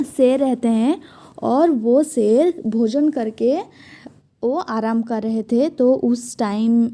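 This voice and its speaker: A woman's voice: fairly high pitch, mellow. A woman teacher reading a children's story aloud and then retelling it in simple everyday words.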